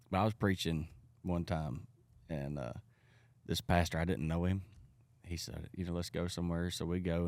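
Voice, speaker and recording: A man, an evangelist guest telling a folksy story in an animated way. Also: low voice, dry recording. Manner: folksy, drawling anecdotes with lively voiced quotes.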